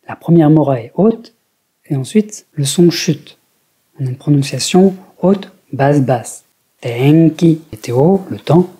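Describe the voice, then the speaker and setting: A speaker from France narrating a scripted language lesson in a measured, explanatory way. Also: medium pitch, expressive, dark tone. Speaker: language teacher.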